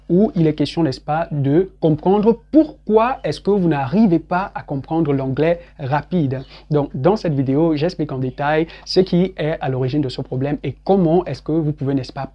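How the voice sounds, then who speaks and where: A man giving an online English pronunciation lesson. He drills words slowly, repeats them several times and often adds little check-in tags. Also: a little high, highs cut off.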